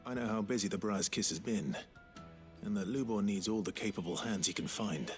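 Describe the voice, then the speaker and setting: An actor playing a calm, measured warrior hero in a video game. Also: male voice, lowish voice, faint music behind, natural voice. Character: steady, serious young male warrior hero.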